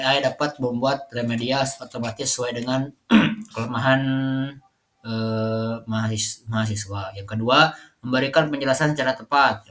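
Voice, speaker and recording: A man's voice: mid-range voice, fairly bright tone. A young man, a university student, giving a class presentation with frequent fillers and restarts. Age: young adult. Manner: hesitant, many fillers and restarts.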